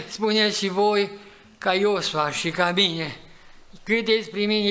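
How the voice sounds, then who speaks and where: A man in his eighties preaching a farewell sermon in a church, telling stories of his faith and rising to loud exhortation, sweating as he speaks. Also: sits high. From Romania. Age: 80s. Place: church hall. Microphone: live church recording.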